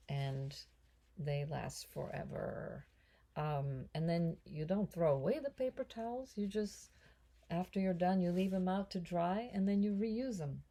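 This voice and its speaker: A woman in her sixties runs a casual home cooking vlog from her kitchen. Her voice is low, mellow and gravelly, and she talks slowly. She is chatty and self-mocking and laughs often. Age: 60s. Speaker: cooking vlogger and actress.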